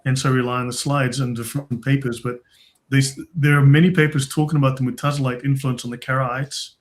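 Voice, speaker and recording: A man's voice: mid-range voice, little pitch movement, fast. A man hosting a discussion, modestly summarizing sources and seeking agreement. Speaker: host. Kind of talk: conversational discussion.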